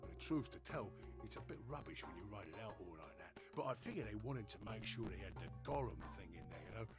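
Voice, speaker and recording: An actor voicing a chatty, cheeky working-class male robot in a video game, with a broad Cockney accent and rough, slangy speech. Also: on the low side, expressive, quick pace, close to an everyday voice. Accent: Cockney English. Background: game music.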